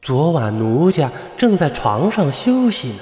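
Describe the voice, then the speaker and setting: A man's voice: fairly high pitch, sing-song, unhurried, dark tone, reverberant, big-room sound. A man voicing a wronged young woman who speaks coyly and reproachfully in a spoken ghost story.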